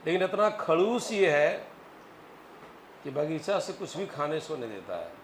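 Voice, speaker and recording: A male physics teacher lectures with animated storytelling and keeps quizzing his class. His voice sits a little high for a man. The room is echoey with a faint hum behind.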